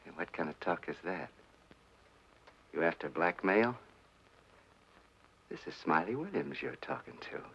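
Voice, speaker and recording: An actor playing a sly gangster who turns jittery and defensive, on a 1940s film soundtrack. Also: male voice, low voice, lively intonation, unhurried, long pauses, fairly bright tone, husky, full character voice. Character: sly male gangster, terrified and guilty. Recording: dull old film soundtrack with music.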